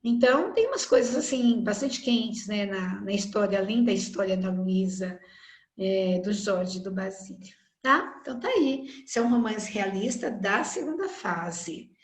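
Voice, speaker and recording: A woman's voice: medium pitch, animated, unhurried. A woman with a Brazilian accent teaching a recorded online literature class, chatty and full of tag questions. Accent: Brazilian Portuguese. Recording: echoey room.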